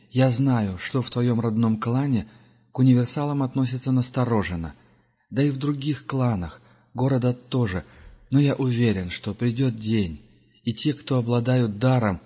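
Man putting on a soft patient wise old man, slightly raised, husky voice, dull lo-fi sound. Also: medium pitch, moderate pace, pitched above the performer's own voice, lightly acted. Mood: gentle. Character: gentle wise older man, a pilgrim. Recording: dull lo-fi recording.

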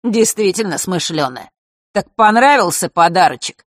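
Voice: medium pitch, animated, moderate pace, dry recording, clean studio sound, pitched above the performer's own voice, lightly acted. An audiobook reader voicing a spiteful, sneering teenage boy who taunts and hisses threats. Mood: taunting.

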